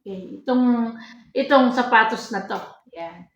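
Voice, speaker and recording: A woman's voice: fairly high pitch, measured pace, highs cut off. A woman vlogger chatting casually to her viewers as she walks through the details of a sneaker. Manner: chatty, addresses viewers often. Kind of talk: casual product walkthrough. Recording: echoey room.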